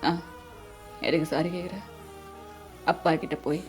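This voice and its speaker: A woman voicing a gentle, loving father who talks softly and soothingly, with faint music underneath. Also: a little high, fairly even intonation, unhurried, pitched below the performer's own voice, close to an everyday voice. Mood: tender soothing. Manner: soothing, hushed.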